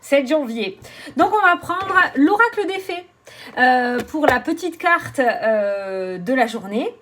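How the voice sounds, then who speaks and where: Speaking slowly in a high voice, a tarot reader from southern France talks to the camera in a relaxed, chatty vlog. Her manner is lively, with swearing, laughter, and self-mocking jokes.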